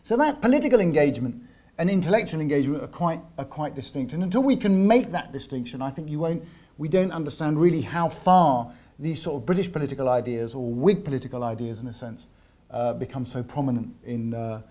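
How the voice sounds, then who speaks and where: A man giving an academic seminar lecture at a university, often pausing and repeating words as he searches for the right phrasing. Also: a little high, animated, mellow. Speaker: visiting lecturer.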